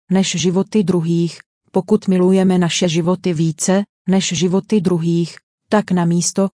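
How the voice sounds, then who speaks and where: A woman reads a translated sermon as a voice-over, earnest and direct in her delivery. Her voice sits a little low with a mellow, warm tone. The recording is dry and close, with no room around it. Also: no echo. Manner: earnest, direct storytelling preaching.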